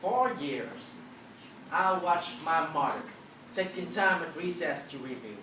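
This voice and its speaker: A woman's voice: low-pitched, expressive, takes it slowly. Female public speaker, emphatic storyteller, motivational delivery, captured at a distance in a very reverberant hall. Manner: emphatic storytelling, acting out dialogue. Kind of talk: motivational talk to a live audience. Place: large auditorium with an audience. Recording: echoey hall, distant, noisy.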